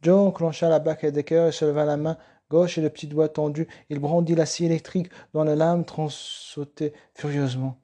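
Man reading a novel in a mellow voice. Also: a little high, little pitch movement, normal speed. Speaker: reader. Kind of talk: audiobook narration.

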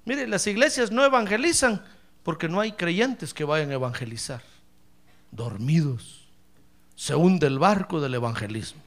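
A male pastor preaching a sermon, addressing the congregation directly and swinging from hushed asides to shouts. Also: a little high, expressive, a little slow. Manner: acts out quoted voices and addresses congregation directly.

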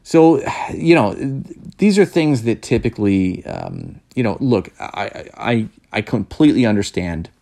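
Gravelly low-voiced man giving blunt advice. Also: huge pitch swings, measured pace, mellow. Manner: rambling, many restarts and repeated words; blunt and a bit worked up. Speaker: wedding photographer. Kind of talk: casual advice talk.

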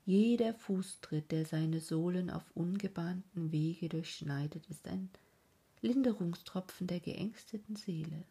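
A woman reading a story aloud as a whispered role-play, in a slow, mournful way. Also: on the low side, dark tone, slightly rough. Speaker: reader.

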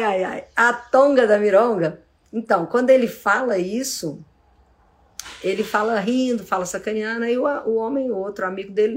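In a fairly low voice, a middle-aged psychologist with a Brazilian accent answers viewers' questions during an informal live session. She explains things calmly and demonstrates how to speak through little acted examples.

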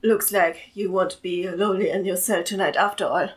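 A woman's voice: medium pitch, steady tone, normal speed, voice pushed down, natural voice. A woman voicing a sly, scheming male prisoner with dry, teasing remarks in a casual podcast story reading.

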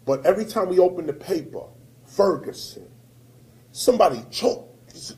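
An American man addresses a live audience, his voice riding high and leaping all over the place. The tone stays mellow rather than bright even at full force. He hammers his points with repetition and swings from loud to hushed. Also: normal speed, poor audio. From United States. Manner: emphatic, repeats key phrases, swings between loud and hushed. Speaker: rapper speaking to an audience. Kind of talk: impassioned public talk.

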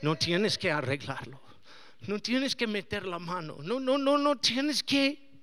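A male pastor preaching a sermon at a church service, animated and often rising to shouts. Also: high-pitched, a little slow.

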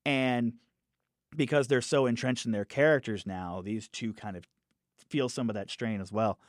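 Man giving a lively film review. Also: medium pitch, moderate pace, dry recording, clean studio sound. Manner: animated, acts out quoted characters in raised voices; restarts phrases while thinking aloud. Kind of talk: casual podcast film review.

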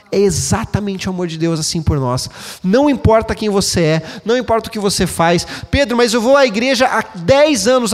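A man preaching a sermon as pastor, expressive and speaking directly to the congregation. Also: high-pitched. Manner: expressive, acts out quoted voices, addresses the congregation directly. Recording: long hall reverb.

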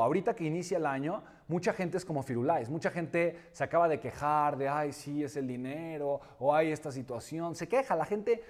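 A man's voice: medium pitch, a little mellow. A man giving a motivational talk, emphatic and repeating key words, often asking if he is understood. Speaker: motivational speaker.

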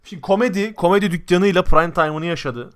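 A man's voice: high voice, quick pace, a bit bright. A man in a casual podcast chat with friends, opinionated and emphatic, swearing casually. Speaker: podcast co-host.

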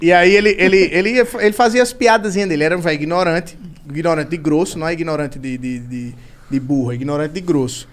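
A man's voice: on the high side, fast talker. A Brazilian man telling family stories in a casual podcast chat, mimicking the voices of his relatives. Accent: Brazilian Portuguese. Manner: animated storyteller, imitates relatives' voices. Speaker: podcast guest, comedian.

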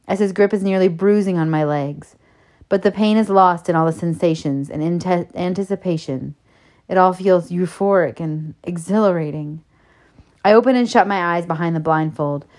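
A woman narrating a first-person erotic story in a soft, steady, intimate reading. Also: lowish voice.

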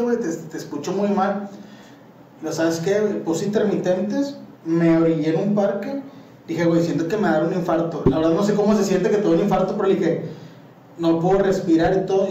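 Young Mexican guy, high voice, mellow tone, slangy rambling chat, echoey room, mic at a distance. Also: slight background noise. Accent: Mexican Spanish. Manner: slangy, rambling storytelling with many fillers. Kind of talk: casual chat.

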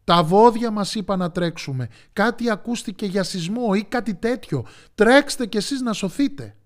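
A man voicing a herd of jumpy deer in a storybook, shouting questions in high, lively voices. They sound anxious and easily swayed by rumor. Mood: alarmed.

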